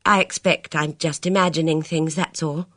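A woman's voice: low voice, steady tone, moderate pace, a bit bright, dry recording, studio quality. A woman reading an audiobook, voicing a cool, guarded young woman who speaks in a clipped, composed and grim way.

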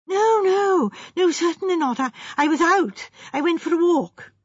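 A woman's voice: very high-pitched, expressive, a little slow, no echo, muffled recording, pitched above the performer's own voice. A woman voicing a distraught young male architect in an audiobook, with a stammering, pleading, ladylike way of speaking. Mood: flustered.

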